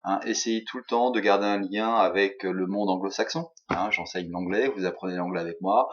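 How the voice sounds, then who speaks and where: A man's voice: deep voice, moderate pace, a bit bright. A man with a French accent, a native French speaker, teaching English and giving recorded feedback on a student task, hesitant and full of fillers. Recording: dull lo-fi recording.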